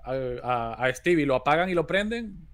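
A man's voice: on the high side, big pitch swings, moderate pace, fairly bright tone. A man co-hosting a casual chat about a TV series, talking in a rambling way with frequent restarts. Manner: rambling, with many restarts and fillers. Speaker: co-host.

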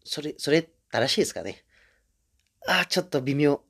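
A man who moved to Japan as a foreigner, hosting a casual solo monologue. He hesitates a lot, fills pauses with fillers, corrects himself often and laughs at himself. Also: a little high, animated, fairly bright tone, breathy edge. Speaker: host of a talk series about Japanese.

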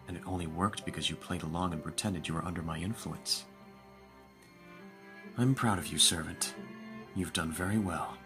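For an ASMR audio roleplay set over clear background music, a man voices an aristocratic young vampire master who is commanding yet doting toward his servant. His low voice has a bright, forceful tone, and he speaks in formal, measured phrases. The mood is pleased and confiding.

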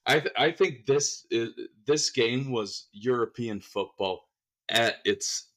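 Male podcast host, mid-pitched, casual and chatty, laughs easily. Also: slow pace, fairly bright tone. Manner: chatty, laughs often, stumbles on words. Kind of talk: casual sports podcast chat.

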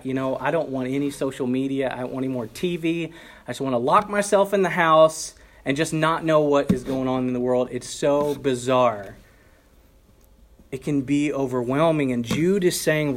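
Earnest preaching man, fairly high voice. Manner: earnest, rises to emphatic peaks on quotes; conversational asides to the congregation. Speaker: pastor. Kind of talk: sermon.

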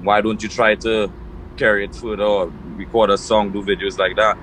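A man from Trinidad and Tobago, answering interview questions at home in a relaxed storytelling way. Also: on the low side, normal speed, slight background noise, rough recording. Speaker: guest, music label founder.

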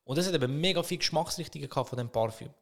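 A man in his thirties with a Swiss German accent, co-hosting a podcast and telling a story in casual comedic chat, growing loud as he acts out an argument. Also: a little high, racing. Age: 30s. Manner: animated, swings loud when reenacting arguments. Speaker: podcast co-host.

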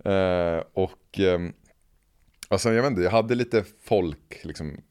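A man's voice: sits low, darkish tone, clear, resonant tone. A man co-hosting a casual podcast chat, reacting with short exclamations and dropping in English phrases.

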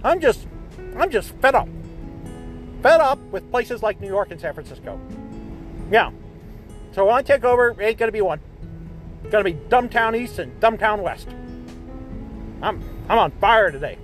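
High-voiced man in a grumbling rant. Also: expressive, moderate pace, pauses often, faint music behind. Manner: grumbling, sarcastic, mock-villainous ranting. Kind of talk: comedic rant.

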